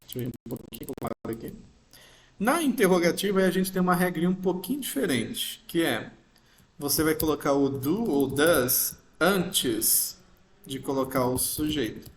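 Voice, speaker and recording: A man's voice: on the high side, lively intonation, moderate pace. A man teaching a grammar lesson, patiently explaining step by step and checking in with his listeners often. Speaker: English teacher. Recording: roomy echo.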